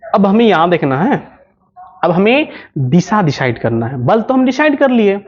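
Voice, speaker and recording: A man's voice: high-pitched, very animated, moderate pace. A male physics teacher lecturing at a board, who keeps asking questions and answering them himself. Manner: repetitive, asks questions then answers them. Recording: dull lo-fi sound.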